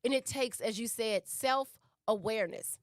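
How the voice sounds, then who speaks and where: A woman's voice: fairly high pitch, a little slow, no room sound, clean studio sound. A woman co-hosting a relationship talk show who speaks emphatically, repeats her key points and asks rhetorical questions. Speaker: relationship podcast co-host. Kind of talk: conversational teaching talk.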